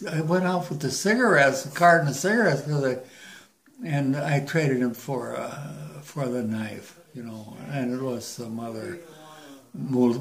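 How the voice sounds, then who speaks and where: An old man talks in an echoey room, recorded at home. His voice sits at an average pitch for a man. He reminisces casually like a grandfather, haltingly, circling back and repeating his words. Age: elderly. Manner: old man's rambling, halting, repetitive recollection. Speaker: grandfather recalling merchant marine days.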